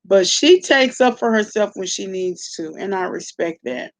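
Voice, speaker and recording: This woman speaks at a moderate pace in an expressive, mid-range voice. She's the host of an online commentary channel, chatting informally and gossiping in a reaction vlog, with salty slang and frequent nods to the listener.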